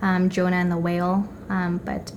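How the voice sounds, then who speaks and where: A woman podcast guest telling a personal story casually, with halting phrasing. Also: fairly low pitch, little pitch movement, a little mellow, dull audio, a little hiss or hum.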